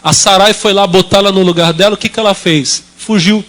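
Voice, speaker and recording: High-voiced Brazilian pastor preaching. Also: male voice, steady tone, fairly quick, fairly bright tone. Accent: Brazilian Portuguese, São Paulo state. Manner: emotional storytelling, addresses congregation directly. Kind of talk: sermon. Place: church hall.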